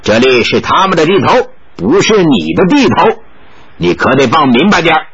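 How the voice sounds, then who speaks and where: A man's voice: a little high, sing-song, normal speed, highs cut off, a loud crowd. A man playing a sly, mocking scoundrel. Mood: taunting. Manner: teasing, mocking.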